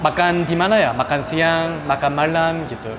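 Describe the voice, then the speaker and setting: A man's voice: on the high side, normal speed, noisy background. A man from South Korea, a native Korean speaker, narrating a vlog and chatting with students in a friendly way. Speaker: vlogger visiting a campus. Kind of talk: casual vlog narration and interviews.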